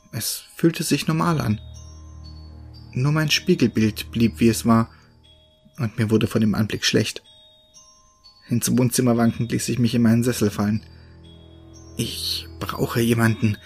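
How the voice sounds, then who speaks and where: A man narrating a first-person horror story in a measured, ominous storytelling voice. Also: medium pitch, breathy edge. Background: faint music.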